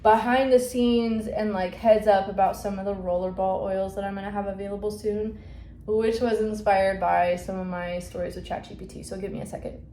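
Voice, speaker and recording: This woman, a shop owner, chats about her store in a vlog at a normal pace, her medium-pitched voice steady and warm despite all the fillers and self-corrections. She films upstairs at home with a phone or camera mic, and the room echoes with a faint background hum.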